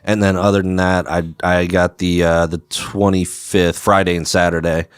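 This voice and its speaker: An American man chatting casually on a podcast, his voice gravelly from a chest cold. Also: low voice, little pitch movement, normal speed, dry recording, studio quality. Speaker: podcast host and stand-up comedian. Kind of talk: casual chat.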